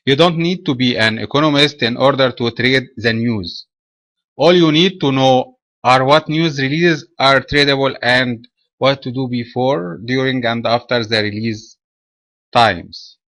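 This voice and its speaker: A man from Egypt presenting a trading webinar in a measured, explanatory way. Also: medium pitch, a bit bright, no echo.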